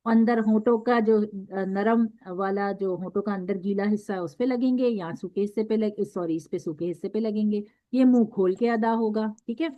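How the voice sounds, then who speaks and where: A woman's voice: mid-range voice, normal speed, hardly any pauses, warm tone. A woman teaching a recitation class, patiently drawing out syllables one by one for her students to repeat. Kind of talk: classroom instruction. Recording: dull lo-fi recording.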